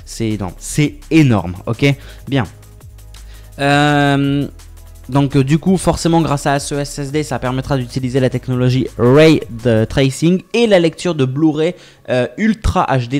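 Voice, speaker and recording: Talking to his viewers like friends, this twenty-something man from southwest France runs casually through tech news on his YouTube channel. He hesitates a lot, restarts often and fills gaps with sounds, in a mid-range, darkish voice.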